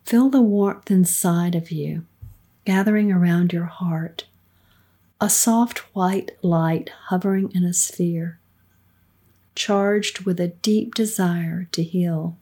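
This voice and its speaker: A middle-aged woman with a soft, soothing, breathy voice, leading a guided meditation in a calm, unhurried manner with hushed phrase endings. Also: lowish voice. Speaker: guided meditation leader, podcast co-host.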